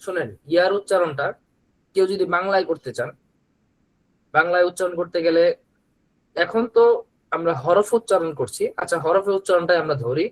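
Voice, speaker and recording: A man with a Bangladeshi Bengali accent teaching the Arabic letters as a Quran teacher, patiently repeating each sound in long, drawn-out recitation. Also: high-pitched, rough recording. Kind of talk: slow letter-by-letter recitation lesson.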